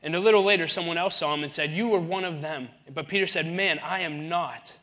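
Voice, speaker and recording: A man in his thirties preaching a sermon in an animated way, acting out the voices in the Bible story. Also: fairly high pitch, fast. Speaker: pastor.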